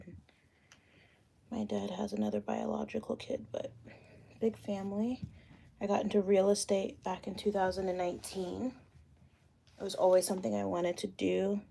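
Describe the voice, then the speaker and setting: Answering viewer questions on a casual livestream, a late-thirties realtor speaks into her phone camera at home while doing her hair and thinking aloud. Her lowish voice is mellow and dark with a gravelly fry, and she keeps things loose and chatty.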